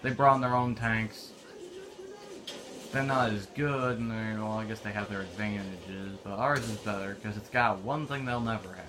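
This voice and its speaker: A man's voice: fairly low pitch, steady tone, moderate pace, a crowd in the background. Young man casually narrating a war game. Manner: offhand, talks to himself while playing. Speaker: gameplay commentator. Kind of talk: casual gameplay commentary. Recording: noisy game audio behind.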